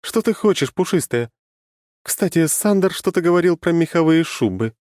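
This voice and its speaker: A man's voice: on the high side, expressive, moderate pace, a little mellow, no echo, studio quality, voice pushed up, close to an everyday voice. A man reading an audiobook, voicing a sly, brash female goddess with a cheeky, mocking manner. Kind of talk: audiobook character voice.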